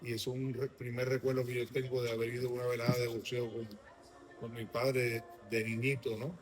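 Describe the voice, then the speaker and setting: A middle-aged man with a Puerto Rican Spanish accent, answering interview questions in a halting way with many restarts. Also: medium pitch, flat delivery. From Puerto Rico. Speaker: guest.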